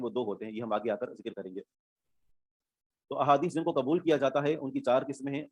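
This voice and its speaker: A man teaching an online religious studies class. He explains each term patiently, repeats key words and checks that his students are following. His voice sits at a middle pitch and sounds dry and close to the mic. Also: a little mellow, slightly rough, no echo. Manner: explains step by step, repeats terms, checks understanding.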